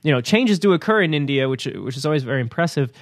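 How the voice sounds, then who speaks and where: A man's voice: fairly high pitch, lively intonation, fast talker, dry recording, clean studio sound. A man co-hosting a news talk program, rambling casually with repeated words and easy laughs.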